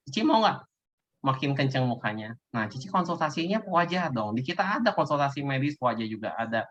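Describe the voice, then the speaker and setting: A man giving a casual sales coaching talk, lively, acting out sales pitches to his audience. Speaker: business presenter. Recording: dull lo-fi recording.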